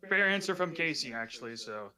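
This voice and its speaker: A man's voice: a little high, animated, fairly quick, a crowd in the background. A man on a livestream patiently steering an argument back on track, with a lot of "like"s. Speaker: guest mediating a dispute. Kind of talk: livestream discussion.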